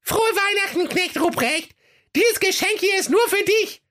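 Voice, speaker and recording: A man's voice: very high-pitched, expressive, a little slow, sharp tone, pitched above the performer's own voice, exaggerated voice. A man voicing a tiny, gleeful male junk gnome in a storybook tale. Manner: squealing, gleeful.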